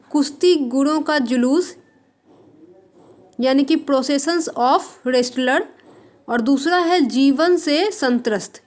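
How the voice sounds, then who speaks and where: A woman teaching art for exam prep, writing on a board and repeating terms slowly for students to note down. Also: sits high. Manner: writes on a board while dictating.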